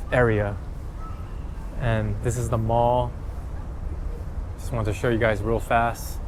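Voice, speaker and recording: A man's voice: medium pitch, slight background noise. A man talking casually to camera in a vlog, rambling with many restarts and fillers, recorded outdoors on a camera mic. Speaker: vlogger. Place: outdoors by a mall.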